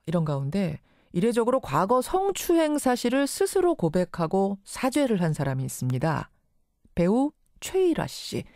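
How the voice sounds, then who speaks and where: A woman presents and interviews on a radio news show. Her pitch moves in an animated way around a medium register, and she is articulate, recorded close and dry. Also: moderate pace, no echo.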